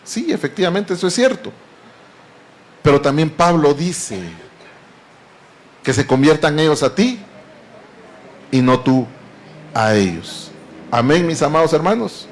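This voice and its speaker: A man's voice: fairly high pitch, big pitch swings, a little slow, long pauses, slight background noise. A man preaching a sermon, earnestly and often addressing the congregation as beloved brethren.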